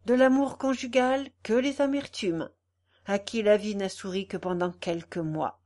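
A woman reading the lines of a gentle, devout old man in an audiobook, earnest and measured. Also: fairly high pitch, close to an everyday voice.

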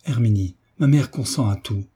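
A man reading the part of a passionate young duke in love, in a husky, mellow voice. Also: medium pitch, normal speed. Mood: fervent. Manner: fervent.

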